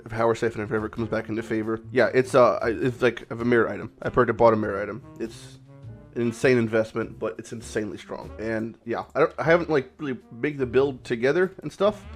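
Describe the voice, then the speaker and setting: Fairly low in pitch and hoarse with a cold, the host of a gaming channel rambles through a laid-back commentary vlog. He speaks off the cuff and swears here and there.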